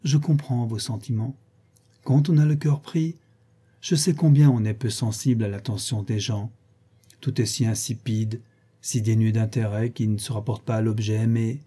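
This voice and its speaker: Brief: a man doing a flighty, effusive young lady in a storybook, raised pitch, dark husky tone. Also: steady tone, moderate pace. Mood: gushing. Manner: effusive, exaggerated, gossipy. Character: gushing, flattering young woman friend. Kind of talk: audiobook reading.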